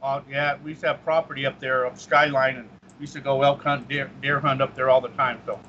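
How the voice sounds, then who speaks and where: A man's voice: mid-range voice, little pitch movement, fairly quick, pushed and bright, a little hiss or hum. A man from Utah, a radio host, chatting casually and jokingly on a call-in show. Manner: chatty, jokey, laughs often. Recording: slightly dull lo-fi sound.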